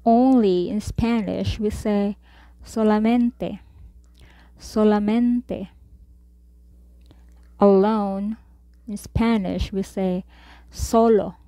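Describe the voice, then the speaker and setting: Woman tutor, slow deliberate drills with each word repeated, dark mellow voice. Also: medium pitch, steady tone, no echo. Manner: says each word, then repeats it slowly. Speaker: Spanish tutor. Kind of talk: slow vocabulary lesson.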